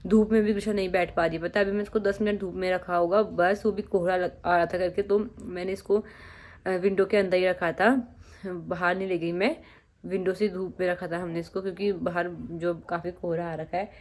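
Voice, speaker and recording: A woman's voice: fairly low pitch, level tone, normal speed, darkish tone. A young woman from Uttarakhand, a new mother, chatting casually through her day at home and cooing to her baby now and then. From Uttarakhand, India. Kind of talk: casual home vlog chat. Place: family home indoors.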